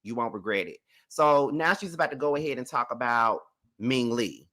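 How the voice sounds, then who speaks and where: A man's voice: medium pitch, lively intonation, moderate pace, bright, forceful tone. A man with an American accent hosting a reaction livestream in a chatty, sassy, slangy way. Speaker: host of reality TV reaction show. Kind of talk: casual livestream commentary.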